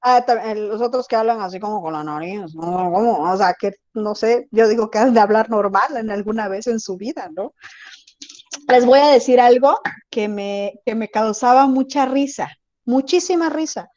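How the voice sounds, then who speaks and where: A woman's voice: fairly high pitch, normal speed, a little mellow, lo-fi sound. A woman teaching an online class, chatty and often checking that her students follow. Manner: conversational, asks students if they follow. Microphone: video call.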